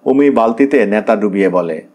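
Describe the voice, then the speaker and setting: A man with a lower voice reads a classic short story aloud. His narration is steady and scripted, and he gives the characters' lines a light touch of their own. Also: moderate pace.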